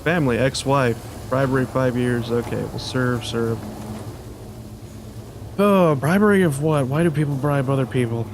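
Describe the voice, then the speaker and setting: A man talks through a game in a casual, sarcastic way, peppering his lines with swearing and sudden frustrated outbursts. His voice sits at an ordinary middle pitch. A faint hiss of noise runs underneath the recording. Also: normal speed, long pauses. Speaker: gaming video host. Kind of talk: casual gameplay commentary.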